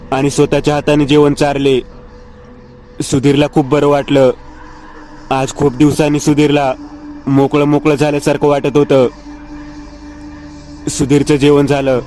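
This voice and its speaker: A man narrating a scripted horror story in a steady, measured reading. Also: fairly high pitch.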